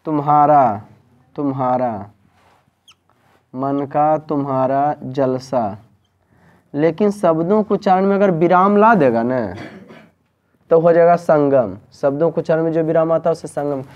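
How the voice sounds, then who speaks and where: A man's voice: fairly high pitch, moderate pace, a little mellow, lo-fi sound. A man, teaching a grammar lesson in a tuition classroom and asking students the same questions again and again. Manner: drills students with repeated questions.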